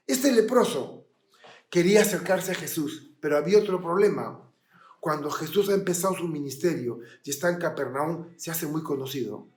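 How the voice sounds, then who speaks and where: A man preaching a sermon with dramatic storytelling, dropping to a hush and then rising loud. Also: high voice. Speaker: pastor. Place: church. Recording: roomy church hall.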